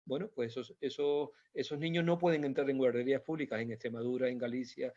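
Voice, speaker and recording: A man speaks as a doctor giving an informal health talk, walking through slides with patient explanations. He repeats key points and hesitates often. His mid-pitched voice comes through a dull, lo-fi recording. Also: fairly even intonation, fast, mellow. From Spain. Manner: explanatory, repetitive, many hesitations. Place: Canary Islands. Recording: dull lo-fi sound.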